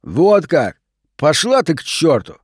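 A man voicing a rude, aggressive teenage boy who snarls and shouts insults in an audiobook. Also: a little high, huge pitch swings, slow pace, husky, no room sound, clean studio sound, voice pushed up, exaggerated voice. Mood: sneering.

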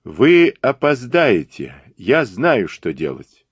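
A fearless young female acrobat in an audiobook, voiced by a man. She sounds cheeky and confident, a touch higher than the narration, recorded close and dry. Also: big pitch swings, a little slow, dry recording, lo-fi sound. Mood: firm.

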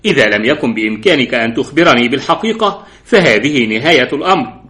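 A man voicing a calm, confident middle-aged male detective who speaks politely and with quiet insistence. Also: mid-range voice, quick pace. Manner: polite, composed, gently insistent.

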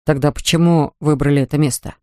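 Calm reserved young man voiced by a woman reader, lowered voice, dry audiobook sound. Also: quick pace, dry recording, close to an everyday voice. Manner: low calm plain talk.

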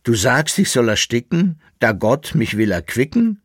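A man's voice: medium pitch, big pitch swings, a little slow, slightly rough, dry recording, clean studio sound, voice pushed up. A man voicing a sly, rhyming old rogue in an audiobook. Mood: sly, boastful. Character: boastful scheming old male drinking companion.

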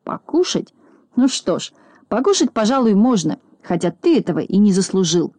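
A woman voicing a boastful, quick-tempered little boy in a children's storybook, bossy and scolding. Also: medium pitch, dry recording, natural voice. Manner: bossy, scolding, easily excited.

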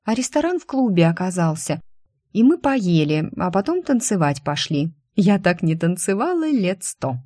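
A whiny, plaintive young secretary, nursing a hangover, as a woman puts her on for a storybook. Her complaints come out in a somewhat low voice. The recording is close and dry. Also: very animated, normal speed, warm tone, no room sound.

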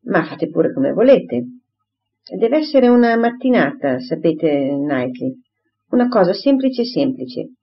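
A woman's voice: on the low side, sing-song, slow pace, slightly rough, heavily acted. A woman reading an audiobook, voicing a pompous, bossy married lady who gushes and insists, in a dull lo-fi recording. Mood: chatty, insistent. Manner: gushing, insistent, talks over others.

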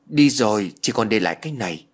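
A man reading a ghost story and voicing a frightened, clingy little girl with high, pleading cries. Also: animated, fast talker, breathy edge. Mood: earnest.

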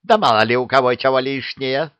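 A man voicing a quarrelsome old witch woman in a raised, shrill, squabbling voice, in a dull, dry recording. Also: sing-song, a little slow, fairly bright tone, no room sound. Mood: snapping.

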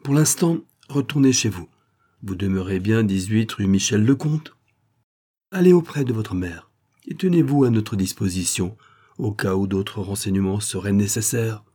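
A man's voice: lowish voice, normal speed, warm tone, lightly acted. A man voicing a formal, composed magistrate who questions a witness and lays out his theory of the case. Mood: formal, grave. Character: measured, authoritative older male magistrate.

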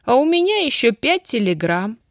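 A woman's voice: on the high side, sing-song, moderate pace, no echo, studio quality, voice pushed up. A woman voicing a flustered, tearful elderly telegram carrier who wails and pleads. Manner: wailing, fussy pleading. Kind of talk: audiobook character reading.

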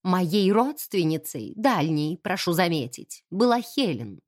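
A woman's voice: fairly low pitch, sing-song, unhurried, a little mellow, no room sound, clean studio sound, pitched below the performer's own voice. A woman voicing a haughty, stern old aristocratic lady who speaks coldly and imperiously, in an audiobook. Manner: cold, clipped, imperious.

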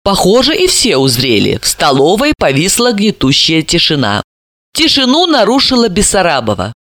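Brief: woman narrator for an audiobook, lively and bright, dry recording. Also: fairly low pitch, moderate pace, no room sound. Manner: expressive storytelling. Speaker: audiobook reader. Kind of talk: scripted narration.

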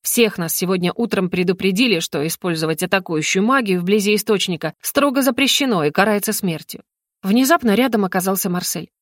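A woman's voice: mid-range voice, fairly quick, dry recording. Woman narrating an audiobook, dry close voice. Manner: expressive first-person reading.

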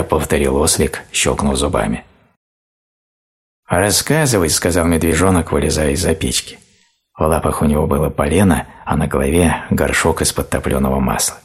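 A man reading children's fairy tales aloud in a calm, measured storytelling manner. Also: extremely low pitch, breathy edge. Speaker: narrator.

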